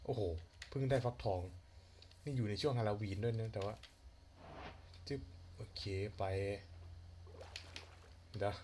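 A young man casually talking to himself while playing a game, chatty with quick exclamations and light swearing. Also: on the low side, darkish tone. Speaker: gaming channel host. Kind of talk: casual let's-play commentary. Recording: faint fan noise and key clicks. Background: computer fan hum and keyboard clicks.

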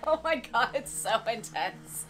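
A woman's voice: on the high side, lively intonation, unhurried, a bit bright. A woman chatting casually through a gas mask, giggling and exclaiming as she reviews a cannabis product. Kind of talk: casual chat.

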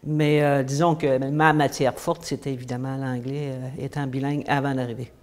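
This woman has a bass voice, a little mellow, with flat delivery at a moderate pace. She is an English teacher in her fifties with a Quebec French accent, raised in the United States and then Quebec, answering interview questions hesitantly with many fillers in a small room against a plain wall.

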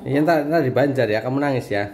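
A man's voice: mid-range voice, fast, a little mellow. A young man, a father filming a family vlog, teasing his daughter in casual, playful chat at home. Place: indoors at home. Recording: echoey home room with faint background noise.

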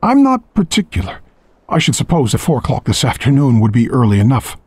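An unflappable older doctor in a horror audiobook, speaking calmly and plainly with a lively, moving pitch, as a male narrator puts him on. The voice is husky and close to the mic, with no room around it. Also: a little fast, no echo. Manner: calm, matter-of-fact.

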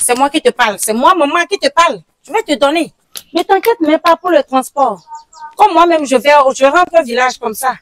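Woman playing a shrill scolding village mother. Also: animated, normal speed, fairly bright tone, no echo, rough recording. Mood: coaxing. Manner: emphatic, repeats questions insistently.

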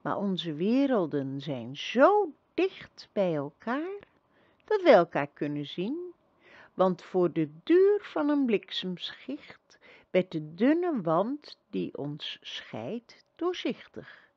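A woman voicing a gentle young girl empress who speaks softly, calmly and reassuringly in a storybook reading. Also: medium pitch, slow pace, dry recording, lo-fi sound, heavily acted. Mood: serene. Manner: soft, calm and reassuring.

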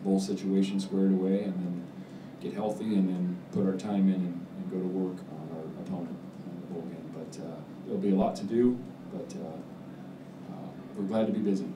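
A man in his forties, a head football coach answering post-game press questions in a measured, halting way with many fillers. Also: low voice, steady tone. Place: press room with backdrop, indoors. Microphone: table mic on stand. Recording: roomy, distant mic, background noise.

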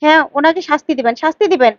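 A woman's voice: high-pitched, rapid-fire, no echo, natural voice. A woman voicing a young wife who earnestly insists on justice, on a dull lo-fi recording. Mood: resolute. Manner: earnest, determined. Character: wronged young wife, resolute.

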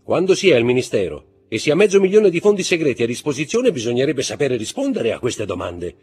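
A man reading aloud and voicing a vain, curious middle-aged baroness who presses for gossip in a raised, quick voice. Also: medium pitch, sing-song, darkish tone, slightly rough, faint music behind, voice pushed up. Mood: insistent, gushing.

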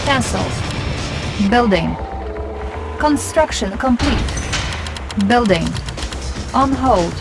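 Calm female base computer. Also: fairly high pitch, takes it slowly, long pauses. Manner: clipped, even status announcements. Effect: processed computer voice. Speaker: in-game announcer. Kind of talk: video game voice prompts. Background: game music and sound effects.

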